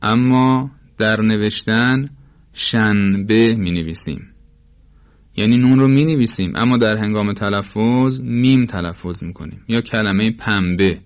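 A man gives a formal, methodical lesson, explaining each point patiently. His voice sits on the low side. The recording is dull and lo-fi. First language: Persian. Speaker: Quran recitation teacher.

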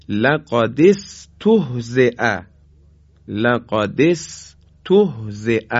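A male teacher giving a Quran recitation lesson on a broadcast program. He explains the rules politely and formally, then says each Arabic example word slowly and drawn out. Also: fairly low pitch, no echo, highs cut off. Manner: slow, drawn-out demonstration of Arabic words.

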